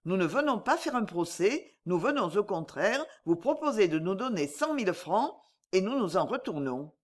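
A woman's voice: mid-range voice, sing-song, normal speed. A woman voicing a cool scheming male agent. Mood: calm scheming. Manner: smooth, reassuring, coolly persuasive.

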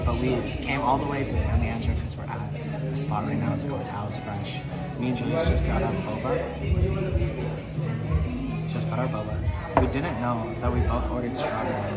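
A young man hosting a casual vlog, chatting in a relaxed, slangy way and telling stories from stores and a cafe, filmed on a handheld camera. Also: mid-range voice, normal speed. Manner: laid-back, slangy, storytelling with laughs. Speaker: vlogger host. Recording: loud background music.

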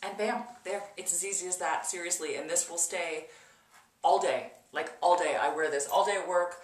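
Soft music plays in the background as this woman, in her thirties, presents a makeup tutorial from a small indoor bathroom. Her fairly low voice moves at a normal speed, casual yet emphatic, with repeated words. The distant camera mic picks up plenty of room echo.

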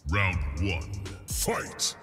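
An actor playing a fighting game announcer, making portentous round calls. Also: male voice, deep voice, level tone, extremely slow, fairly bright tone, full character voice. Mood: commanding. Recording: long hall reverb, game music behind.

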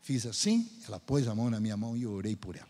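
Lively Brazilian preacher with husky voice. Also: male voice, on the low side, quick pace. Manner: storytelling, lively, acts out dialogue. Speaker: Gideon speaker at church. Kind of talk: testimony sermon. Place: church sanctuary. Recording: hall reverb in church.

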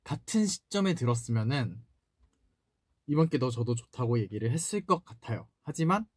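Sing-song and mid-range with a breathy edge, this man's voice keeps a moderate pace and has no room sound. He is an idol singer in his twenties, seated at a desk in a small indoor room, bantering casually with fans and answering their comments on a solo livestream.

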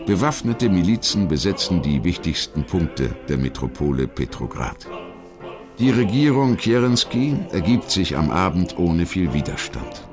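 A low-voiced man reads scripted historical documentary narration, telling the story in a measured, articulate way.

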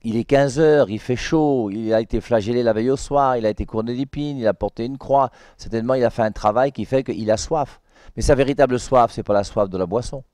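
A man, a priest, giving a conversational Sunday Bible commentary, often adding "hein" and repeating words, and reading scripture slowly and emphatically. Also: medium pitch, darkish tone, no room sound, clean studio sound.

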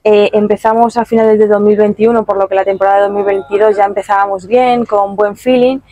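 A young woman padel player answering interview questions after a match, calm and measured, with many fillers, outdoors at a tournament stand on a handheld mic. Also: mid-range voice, no room sound, low-quality recording.

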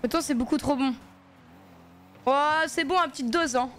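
Speaking at a normal speed, a woman with a high, fairly bright voice streams a game and chats loosely with viewers, leaning on slang. There's slight background noise.

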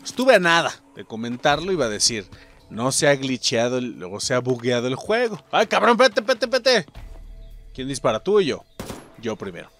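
A young adult man with a Mexican accent, giving loud, excitable gameplay commentary full of swearing, shouting and then muttering low. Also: a little fast, faint music behind.

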